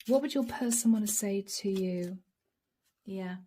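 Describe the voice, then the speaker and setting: A middle-aged woman delivers a channeled tarot reading softly and intimately, at times whispering, her medium-pitched voice slightly hoarse after a long session. She moves at a measured pace, and a faint hiss or hum sits in the recording.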